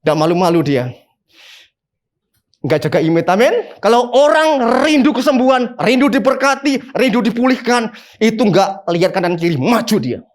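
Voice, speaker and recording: Animated man preaching. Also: moderate pace. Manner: animated preaching with sudden high emphatic bursts. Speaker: pastor. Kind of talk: sermon.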